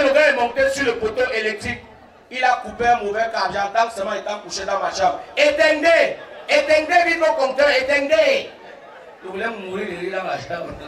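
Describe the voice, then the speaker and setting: A man's voice: extremely high pitch, a bit bright. A man from Cameroon with a Cameroonian French accent, working as a wedding MC and joking with the crowd and calling for applause. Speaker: wedding MC and comedian. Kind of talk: stand-up comedy at a wedding. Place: wedding reception hall. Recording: roomy hall from far off, noisy crowd.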